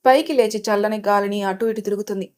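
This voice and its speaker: A woman storyteller reading a romance story aloud in steady scripted narration. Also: mid-range voice, fast.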